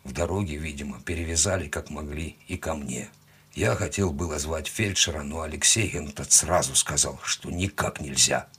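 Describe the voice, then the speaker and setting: Man narrator doing an uneasy house owner, deep husky hushed voice. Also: moderate pace, heavily acted. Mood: weary. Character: wary, fretful male house owner, grumbling. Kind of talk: audiobook character voice.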